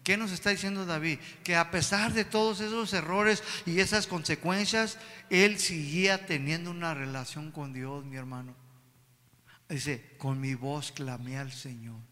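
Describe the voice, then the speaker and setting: High, bright-voiced male preacher. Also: moderate pace, in a large hall. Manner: emphatic, keeps addressing the congregation as brothers. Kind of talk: sermon.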